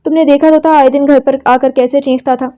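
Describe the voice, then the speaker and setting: Storybook mother, stern and scolding, read by a woman, mellow tone, lo-fi. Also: high voice, fairly even intonation, lightly acted. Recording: slightly dull lo-fi recording.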